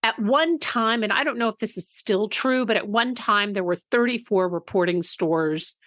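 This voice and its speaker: A woman's voice: medium pitch, moderate pace, a bit bright, no echo. Chatty woman podcast co-host, dry close sound. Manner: chatty, self-correcting, laughs easily. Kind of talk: casual podcast chat.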